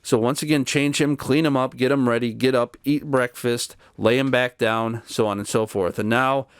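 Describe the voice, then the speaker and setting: A man's voice: mid-range voice, steady tone, moderate pace, smooth, no room sound, clean studio sound. A man hosting his own channel, telling a long personal story in a tired, exasperated way. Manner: weary, exasperated retelling of events. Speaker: channel host. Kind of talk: casual storytelling to camera.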